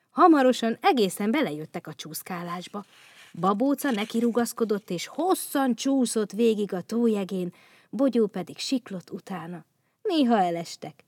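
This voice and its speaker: Storyteller: woman, calm, clear children's reading, dry sound. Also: mid-range voice, dry recording.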